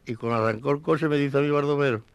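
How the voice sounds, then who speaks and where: An older man, a flamenco singer telling an old anecdote in a lively way, acting out the voices. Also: on the high side, quick pace, creaky, clean tone, no room sound.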